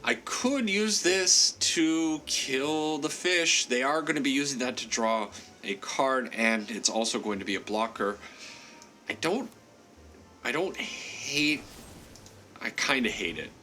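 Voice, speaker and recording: At a medium pitch and a slow pace, this man sounds pushed and bright with lively intonation, plus a faint hiss or hum. He's got a cold that leaves him stuffy as he chatters through a card game, thinking out loud, laughing at his own moves, and apologizing to the other player.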